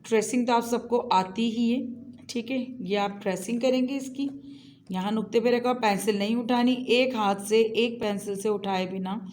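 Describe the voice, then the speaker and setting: A woman's voice: fairly high pitch, fairly even intonation, a little mellow, slight background noise. A woman teacher with a Pakistani Urdu accent, giving a patient, step-by-step primary school lesson with rhythmic, repeated drills. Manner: patient, slow step-by-step instruction with rhythmic repetition.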